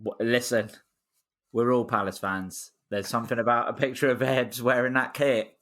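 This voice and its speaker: A man's voice: mid-range voice, fairly even intonation, moderate pace, a bit bright. A man co-hosting a football fan podcast, easygoing and chatty, retelling stories with quoted asides. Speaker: podcast co-host. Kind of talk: casual fan chat.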